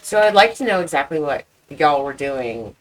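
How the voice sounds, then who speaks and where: A woman's voice: low-pitched, expressive, normal speed, poor audio. A woman interviewing in a casual, chatty and agreeable way. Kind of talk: casual chat.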